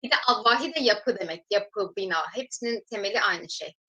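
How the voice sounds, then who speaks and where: In a recorded language lesson, a woman with a medium-pitched, pushed and bright voice explains things step by step. She reads example sentences slowly, then translates them for viewers she calls friends. The recording quality is low.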